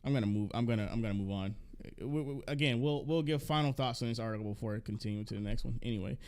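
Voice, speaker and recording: A man's voice: mid-range voice, quick pace, darkish tone, clear, resonant tone. A man hosting a live stream, talking casually with a co-host, profane and exasperated, often restarting his sentences.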